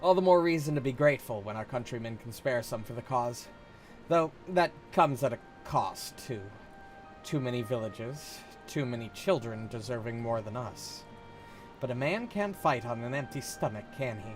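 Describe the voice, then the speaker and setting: A man's voice: medium pitch, lively intonation, normal speed, music in the background, natural voice. A man voicing a weary, dutiful male soldier from a video game in an earnest, plain-spoken way. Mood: earnest, apologetic. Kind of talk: video game dialogue read aloud in character.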